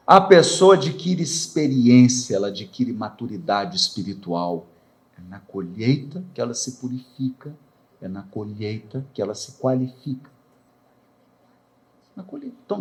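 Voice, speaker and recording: A man's voice: mid-range voice, darkish tone. A man from Brazil, giving a spiritist lecture in a rhetorical way, asking questions and acting out quoted voices. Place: lecture hall of a spiritist center.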